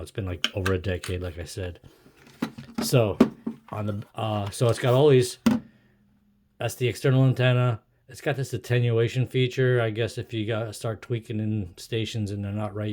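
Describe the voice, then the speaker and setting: His voice lowish and a little mellow, a middle-aged amateur video maker casually rambles to himself while presenting an object, sounding hesitant, musing and self-deprecating. He's indoors at a wooden desk in a home room. The camera or phone on a tripod produces a clearly noisy home recording with clicks.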